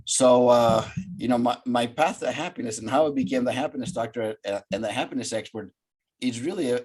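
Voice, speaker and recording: An older man from Greece, a psychologist guest telling a story on a video call from his home office, in an animated, gesturing way. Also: mid-range voice, brisk, breathy edge. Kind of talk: storytelling interview.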